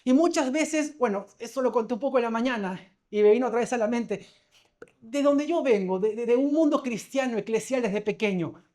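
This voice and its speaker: A man's voice: very high voice, darkish tone. A man preaching a sermon as pastor, talking conversationally, telling stories and asking the congregation questions.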